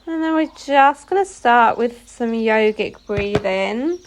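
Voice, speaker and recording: Here a yoga nidra instructor, a woman with a slightly high and animated voice, talks listeners through a guided meditation. Her soothing guidance comes in short phrases with pauses in between.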